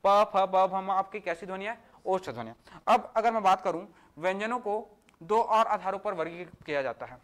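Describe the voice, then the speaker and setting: A male teacher giving an exam-prep grammar lesson, asking questions and answering them himself, and sounding out letters slowly one by one. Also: sits high, animated, fairly bright tone.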